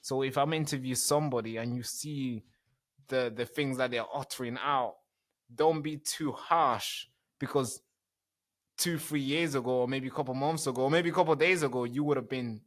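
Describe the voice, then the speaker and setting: A young man hosting a podcast over a remote call, talking in a relaxed, chatty way with frequent restarts. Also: mid-range voice, moderate pace. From born in a refugee camp in Tanzania. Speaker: podcast host. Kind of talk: casual interview chat.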